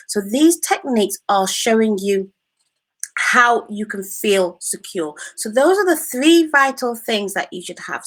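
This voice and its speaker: A woman with a British accent presenting a casual hair-care tutorial, talking in a calm, reassuring way with many "you know"s. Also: fairly high pitch. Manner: reassuring, repetitive, uses fillers like "you know".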